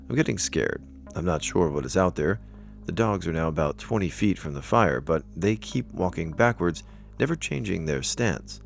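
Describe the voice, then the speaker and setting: A man with a creaky bass voice tells first-person scary stories from a script, a storyteller reading online tales aloud.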